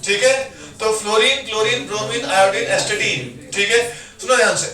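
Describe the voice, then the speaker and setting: A man's voice: sits high, normal speed, pushed and bright, roomy sound, recorded from a distance. A male teacher leading a chemistry class in call-and-response, chanting mnemonics in a sing-song way and joking with his students.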